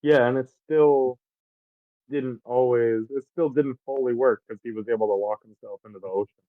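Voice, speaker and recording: A man's voice: mid-range voice, fairly even intonation, moderate pace, dry recording. A man co-hosting a podcast, chatting casually about a film and recapping its plot with the odd swear word. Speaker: podcast co-host. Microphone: faulty microphone. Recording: tinny phone-like mic.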